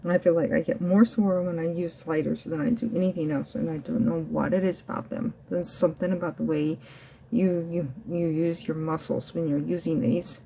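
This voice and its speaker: A woman's voice: low voice, steady tone, normal speed, creaky, mellow, a little hiss or hum, low-quality recording. A woman working as a fitness instructor, coaching a home ab workout while demonstrating the floor exercises herself. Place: indoors at home.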